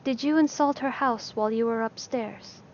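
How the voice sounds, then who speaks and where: Weary young priest, crisp and reserved, read by a woman, fairly high voice, lo-fi sound. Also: normal speed, slight background noise, natural voice. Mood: quiet, crisp. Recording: slightly dull lo-fi recording.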